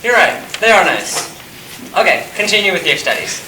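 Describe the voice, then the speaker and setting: A performer voicing a polite, bumbling school principal in a mild, awkward manner, pitched lower than usual. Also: sing-song, normal speed, close to an everyday voice. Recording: noisy echoey room.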